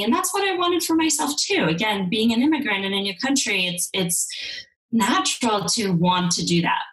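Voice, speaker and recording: A woman in her forties, a sex and intimacy coach who grew up in Ukraine, then part of the Soviet Union, with Russian as her first language, is the guest in a candid interview. Speaking from a room at home over a video call, she talks thoughtfully with restarts in a medium-pitched, slightly bright voice. The recording is rough.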